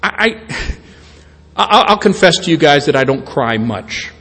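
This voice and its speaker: A man preaching with a somewhat high voice, talking to his congregation in an easy, conversational way. He stumbles and restarts his sentences now and then and pokes fun at himself. His voice carries a long reverb from a large hall. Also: very animated, a little slow, a bit bright, breathy edge. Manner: conversational, stammering restarts, self-deprecating. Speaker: pastor. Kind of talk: sermon.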